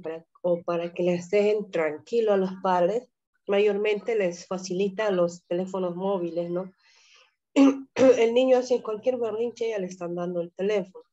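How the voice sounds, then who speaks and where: A woman's voice: mid-range voice, unhurried, warm tone, lo-fi sound. A woman student with a Peruvian accent, making a hesitant comment in class, with fillers. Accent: Peruvian Spanish.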